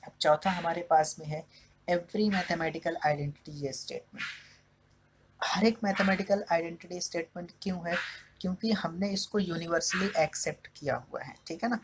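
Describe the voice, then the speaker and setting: A man's voice: fairly high pitch, noisy background. Man explaining a math lesson step by step. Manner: steady explaining, keeps checking in with "okay". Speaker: math teacher. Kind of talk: whiteboard lesson.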